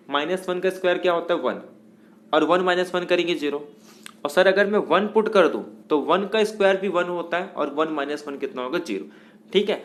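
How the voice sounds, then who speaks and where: A man with a fairly high voice teaches math in a patient, step-by-step lecture. He poses questions to the class and answers them himself, mixing English terms into his speech. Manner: explains step by step, asks and answers own questions.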